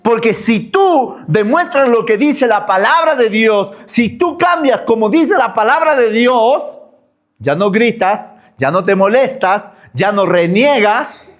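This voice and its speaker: A man's voice: high voice, very animated, slow. A man preaching a sermon as pastor, full of rhetorical questions.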